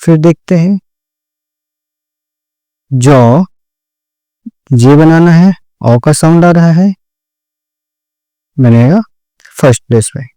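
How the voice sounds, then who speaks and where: A man teaching shorthand step by step, patient and slow, repeating each word and checking that his students understand. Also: a little high, warm tone, no echo, studio quality. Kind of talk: step-by-step classroom explanation.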